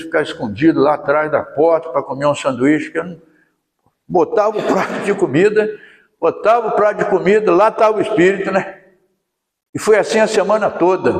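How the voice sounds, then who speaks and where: A man with a Brazilian accent giving a folksy storytelling lecture at a spiritist center, full of tag questions. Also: high voice. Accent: Brazilian Portuguese. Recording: echoey hall with long reverb.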